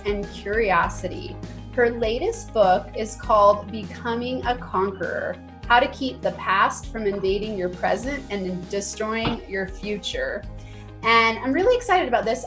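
A woman hosting an interview show, introducing her guest with enthusiasm and quick affirmations. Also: mid-range voice. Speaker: podcast host.

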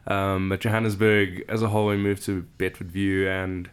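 A man's voice: sits low, flat delivery, moderate pace, smooth. A man from South Africa, a podcast guest chatting casually and laughing easily about his background. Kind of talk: casual chat. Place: cabin.

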